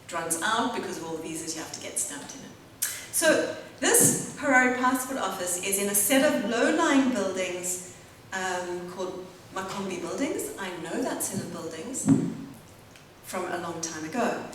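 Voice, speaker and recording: A woman's voice: medium pitch, expressive, moderate pace, fairly bright tone. A woman giving an academic lecture, reading from a prepared text and adding spoken asides. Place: lecture hall. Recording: very echoey hall, distant mic, faint hum.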